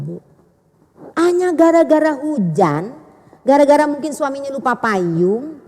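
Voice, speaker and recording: A woman preacher, giving a chatty, animated sermon to women and acting out dialogue. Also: high voice, in a large hall. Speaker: Islamic preacher.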